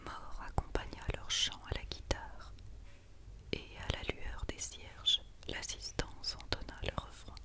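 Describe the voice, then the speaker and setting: A woman gives an ASMR storybook reading entirely in a whisper. Her delivery is breathy and unvoiced, with no full tone. It stays hushed and quiet, suited to night-time listening. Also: measured pace. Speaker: ASMR reader.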